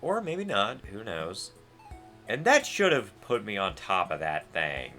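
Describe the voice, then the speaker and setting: A man giving casual let's play commentary, rambling and animated, with sarcastic asides. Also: on the low side, measured pace. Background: faint game music.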